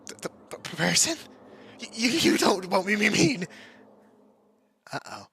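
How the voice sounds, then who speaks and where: A man's voice: high-pitched, big pitch swings, a little slow, creaky, a bit bright, slight background noise, heavily acted. A man voicing a timid young woman who stutters and hesitates nervously. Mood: scared. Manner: stammering, hesitant. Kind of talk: amateur fan dub of a game.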